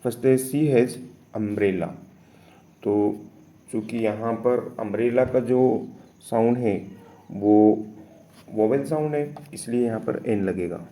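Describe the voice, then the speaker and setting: A man teaching, slowly and patiently explaining English test answers step by step, with frequent fillers. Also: mid-range voice, dark tone.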